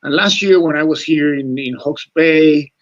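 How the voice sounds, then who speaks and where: A Chilean man in his forties, a native Spanish speaker rather than an English one, speaks earnestly as a rugby coach during a radio interview. His voice is fairly high and paced normally, though the audio sounds dull. He repeats words and says "mate" often.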